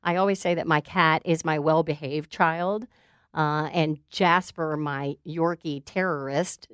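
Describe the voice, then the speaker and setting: A middle-aged woman answering quick questions as an interview guest, playful and brief, laughing easily. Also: deep voice, steady tone, clear, resonant tone, no echo, studio quality. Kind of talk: casual rapid-fire Q&A.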